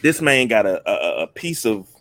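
A man's voice: on the low side, sing-song, moderate pace, a bit bright, dry recording. A man hosting a podcast, chatting casually in a folksy, jokey storytelling way. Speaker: podcast host. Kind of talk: casual chat.

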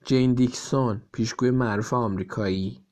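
A man voicing a lively, curious schoolgirl while reading a storybook aloud. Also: medium pitch, lightly acted. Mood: know-it-all. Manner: eager, raised childlike voice.

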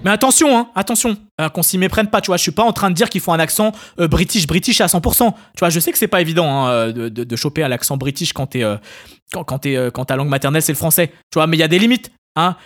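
A man's voice: a little high, expressive, a bit bright. A French man hosting a comedy podcast, sarcastic and full of asides. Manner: sarcastic, rapid, peppered with hein and tu vois. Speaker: podcast host. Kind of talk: scripted comedy monologue.

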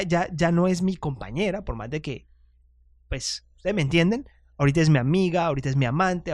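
A man's voice: on the high side, darkish tone, no echo, studio quality. A chatty man hosting a casual podcast monologue, self-deprecating and often restarting his sentences. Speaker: podcast host.

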